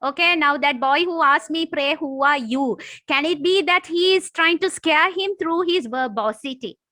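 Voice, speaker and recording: Sri woman, teacher explaining literary devices; high, bright, chatty, repeats terms for students. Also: moderate pace, no echo. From Sri Lanka. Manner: chatty, repeats key terms, laughs often. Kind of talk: online literature lesson.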